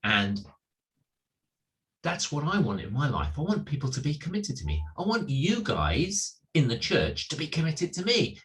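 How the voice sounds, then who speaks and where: This church preacher's medium-pitched voice comes through poor audio. Middle-aged and earnest, he reflects on a Bible passage in his sermon, driving home his main points by emphasizing and repeating them.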